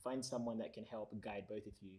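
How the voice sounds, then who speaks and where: A man's voice: on the low side, fairly even intonation, a little fast, darkish tone. A man as a guest on a casual panel chat, talking earnestly with many fillers and restarts.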